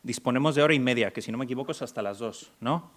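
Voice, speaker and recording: A man's voice: mid-range voice, very fast, fairly bright tone. A man from Mexico moderating a medical conference panel, introducing speakers with frequent restarts and hesitations. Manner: hesitant, many restarts and fillers. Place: conference hall.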